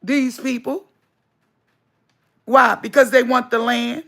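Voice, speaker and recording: A woman holds forth on a spiritual livestream. Her voice is gravelly and her delivery slow and deliberate. She is emphatic and preachy and hammers points home by repeating them. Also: on the high side, steady tone, fairly bright tone. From United States. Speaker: livestream host.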